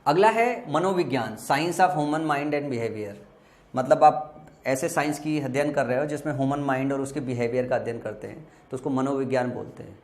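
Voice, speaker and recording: With a medium-pitched, slightly mellow voice, a man whose first language is Hindi explains exam vocabulary slowly in an echoey room. He repeats the words and spells them out one letter at a time.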